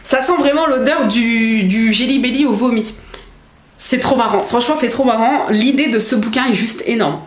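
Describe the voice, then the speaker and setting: A young woman chatting as a book vlogger, excitable and full of fillers. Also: fairly high pitch, moderate pace. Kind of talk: casual unboxing chat. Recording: echoey room.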